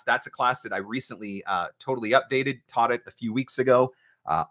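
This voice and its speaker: Speaking with a fairly low pitch and a fairly bright tone, a man hosts a live question-and-answer advice session as a voice-over marketing coach. He talks emphatically, coach-style, and poses rhetorical questions.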